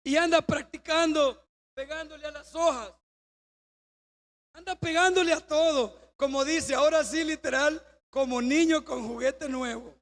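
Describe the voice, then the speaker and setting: A man preaching a sermon, telling a story and acting out its dialogue with bursts of shouting. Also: very high-pitched, fairly even intonation, a little slow. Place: church.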